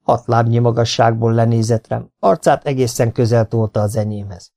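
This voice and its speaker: A man reading a first-person audiobook story in a calm, measured way. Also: medium pitch. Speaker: audiobook narrator. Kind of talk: scripted first-person narration.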